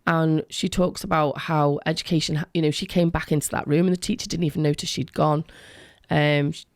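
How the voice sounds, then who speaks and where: Creaky-voiced woman, earnest radio guest. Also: deep voice, fairly even intonation, fairly quick, dry recording, clean studio sound. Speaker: education worker, interview guest. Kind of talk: conversational radio interview.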